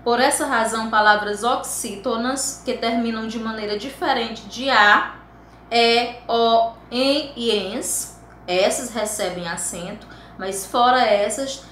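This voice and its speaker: Bright-voiced woman teaching with patience. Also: fairly high pitch, roomy sound, a little hiss or hum. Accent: Brazilian Portuguese. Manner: patient, explanatory, spells out endings slowly. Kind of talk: recorded classroom lesson.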